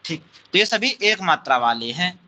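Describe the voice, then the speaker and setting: A man teaching Sanskrit grammar in an unhurried lecture, explaining each term step by step, repeating it, and checking with his class through quick questions. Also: high voice, lively intonation, pushed and bright, slight background noise, low-quality recording.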